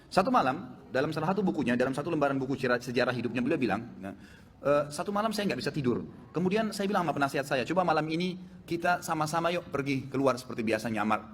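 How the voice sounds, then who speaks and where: A male preacher tells a sermon story at a quick clip, his voice sitting a little high. The sound rings with a long reverb, and faint ambience sits underneath. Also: a little hiss or hum. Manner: animated storytelling, acting out dialogue with rising pitch.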